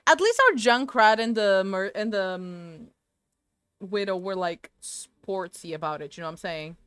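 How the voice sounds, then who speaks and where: With a mid-range voice that's a bit bright and clean, a woman speaks at a measured pace, free of room sound. She's a home game streamer on a desk mic who rambles talkatively to her audience and responds to chat aloud.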